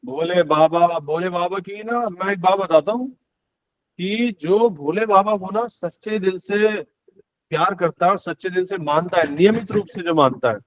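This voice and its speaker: A man's voice: high voice, unhurried, no echo. A man hosting an online devotional singing session over a video call, chatting casually, encouraging his guests and joking with them. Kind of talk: casual chat.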